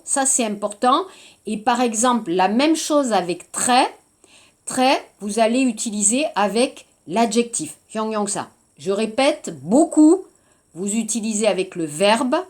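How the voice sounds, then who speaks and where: A woman teaching French in a recorded lesson, explaining slowly and repeating key points for her students. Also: a little high. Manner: slow, deliberate explaining with frequent repetition.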